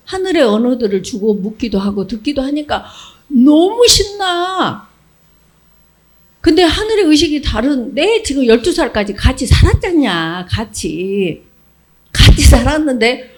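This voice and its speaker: A middle-aged woman giving a children's sermon, telling the story with questions to the kids and acting out the voices. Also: on the high side. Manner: animated storytelling, acts out characters, asks children questions. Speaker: children's pastor.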